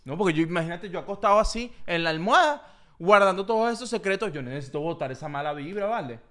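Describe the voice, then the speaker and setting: A man co-hosts a podcast in jokey, casual banter. His voice sits somewhat high and bounces animatedly through its range. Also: animated, fast talker, pushed and bright. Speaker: podcast co-host. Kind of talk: casual chat.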